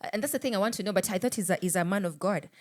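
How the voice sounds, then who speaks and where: A Kenyan woman co-hosting a casual political talk show, animated and quick to laugh, with bits of Swahili. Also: medium pitch. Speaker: podcast co-host.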